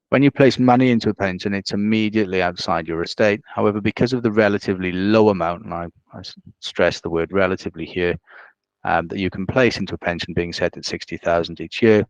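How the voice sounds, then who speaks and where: A male financial adviser giving a measured, businesslike explanation on a video call. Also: low voice, no echo.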